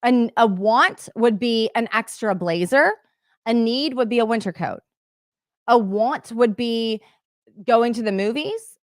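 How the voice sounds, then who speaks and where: Energetic high-voiced woman business coach. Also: unhurried, no room sound, studio quality. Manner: energetic, conversational, heavy use of "like" and "right?". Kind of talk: motivational workshop talk.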